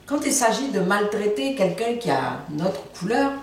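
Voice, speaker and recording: A woman's voice: mid-range voice, very animated, normal speed, slight background noise. A woman teaching a language lesson in a playful way, repeating each word for her learners. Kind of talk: casual video lesson. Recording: very echoey room, far from mic.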